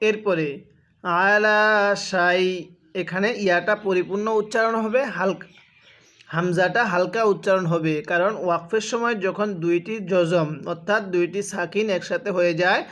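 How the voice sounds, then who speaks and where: A man with a Bangladeshi Bengali accent teaching Quran reading, drawing out each word slowly and asking students to repeat after him. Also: high voice, a bit bright. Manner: slow, drawn-out syllable-by-syllable recitation for students to repeat. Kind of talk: recitation lesson.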